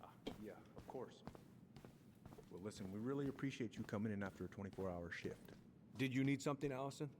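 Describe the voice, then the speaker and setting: An actor voices a middle-aged police chief in a narrative game, questioning people in a quick, businesslike way. His pace runs fast and his pitch sits mid. Ambient game noise is clear behind him. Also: close to an everyday voice. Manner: brisk, official questioning.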